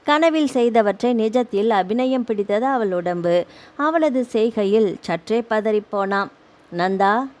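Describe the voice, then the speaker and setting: A woman reading a novel aloud as audiobook narrator in a steady storytelling delivery. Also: on the high side, measured pace.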